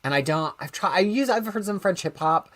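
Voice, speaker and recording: A man's voice: high-pitched, animated, brisk, fairly bright tone. A man co-hosting a show in casual chat, thinking aloud and often breaking off to restart his sentences. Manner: rambling, self-interrupting, thinking aloud. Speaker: show co-host.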